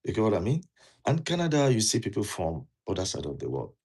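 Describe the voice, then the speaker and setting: Wearing a jacket indoors, an immigration-advice vlogger from Nigeria talks casually with a Nigerian accent. His lowish, darkish, breathy voice swings hugely in pitch at a quick pace as he earnestly repeats key points and asks viewers questions.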